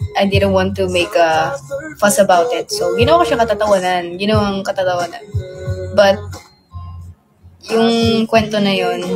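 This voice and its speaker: A woman in a middle pitch speaks softly and reflectively in casual chat, slipping English phrases in as she goes. Loud music plays behind her. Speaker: partner sharing her side.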